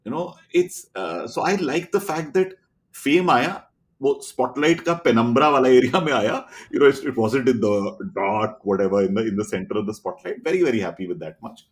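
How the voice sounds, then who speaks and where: A middle-aged man from India with an Indian accent, a podcast guest telling animated anecdotes full of quoted dialogue. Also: mid-range voice, racing. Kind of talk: casual storytelling chat.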